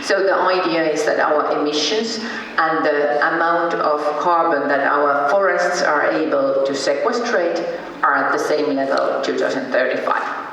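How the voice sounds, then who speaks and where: A man's voice: fairly high pitch, measured pace, pushed and bright, slight background noise. Finnish male presenter, hesitant delivery, far mic, heavy hall echo. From Finland. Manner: hesitant, many ums and uhs. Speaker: conference speaker. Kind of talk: conference presentation. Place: large conference hall.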